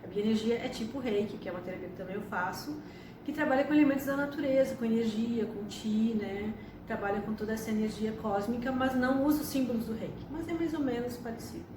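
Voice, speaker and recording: This astrologer and psychotherapist from Argentina, a woman in her 50s, talks fast in a voice on the high side. She tells her personal stories to camera in a chatty way, frequently tacking on tag questions. The recording has a distant mic in a noisy room with echo.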